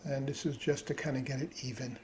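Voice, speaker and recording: Speaking quickly in a mid-range voice, the hobbyist thinks aloud through a casual computer tutorial. Keyboard clicks and a steady hum of background noise run underneath.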